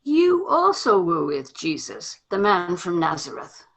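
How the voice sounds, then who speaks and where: Woman as husky, accusing servant girl. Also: on the low side, wildly swooping pitch, measured pace, a bit bright, heavily acted. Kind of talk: dramatic scripture reading.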